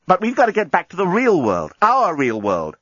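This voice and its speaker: A man's voice: high-pitched, wildly swooping pitch, normal speed, fairly bright tone, husky, no echo, lo-fi sound, voice pushed up, exaggerated voice. A man voicing a young woman who speaks in an urgent, pleading way.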